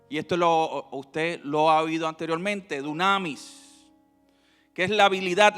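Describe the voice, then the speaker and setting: A male pastor preaching a sermon, swinging between loud emphasis and quiet, drawn-out teaching. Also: on the high side, clean tone. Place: church sanctuary. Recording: reverberant hall with faint music.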